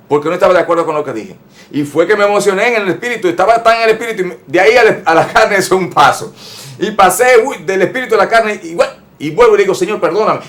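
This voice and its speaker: A man pastor preaching an emphatic sermon, repeating phrases and speaking straight to his listeners as brothers. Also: sits high. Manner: addresses listeners directly as brothers.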